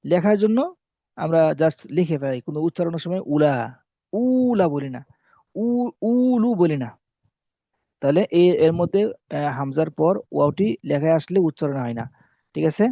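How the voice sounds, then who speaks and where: A man's voice: on the high side, normal speed, creaky, pauses often, no room sound. A man teaching Arabic spelling rules in a classroom-style lesson, repeating key points and asking and answering his own questions. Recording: dull lo-fi recording.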